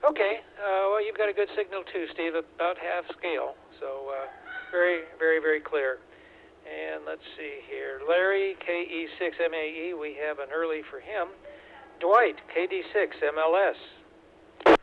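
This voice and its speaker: A man's voice: on the high side, unhurried, gravelly. A man running an amateur radio net roll call, talking unhurriedly with many fillers, heard over a two-way radio. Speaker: net control station operator. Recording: tinny radio with faint static.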